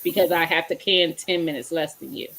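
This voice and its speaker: A woman's voice: deep voice, fairly even intonation, a little fast, fairly bright tone. Chatty woman hosting a live canning stream. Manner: chatty, greets viewers by name, searches while talking. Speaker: livestream host. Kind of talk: casual livestream chat.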